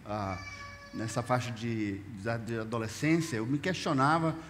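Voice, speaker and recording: In an echoey church hall with faint noise, a man serves as interpreter for a sermon, consecutively repeating the preacher's phrases in the first person and sometimes restarting mid-phrase. His mid-range voice is animated, at a measured pace.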